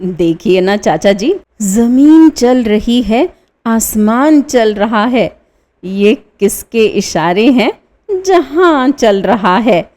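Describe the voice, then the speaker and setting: Woman as young man, nephew, radio play, eager, obliging, lively. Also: a little high, very slow. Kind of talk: one-reader radio play.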